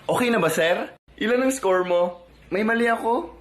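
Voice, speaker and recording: A man's voice: high-pitched, normal speed, a little hiss or hum. A man acting out comedy skits, playfully switching between characters.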